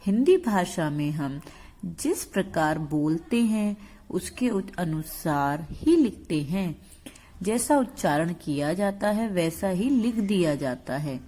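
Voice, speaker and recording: A woman's voice: lowish voice, very animated, dark tone. A woman teacher giving a lesson, explaining and sounding out speech sounds one by one. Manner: slow, explanatory, demonstrates sounds aloud. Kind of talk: classroom lesson.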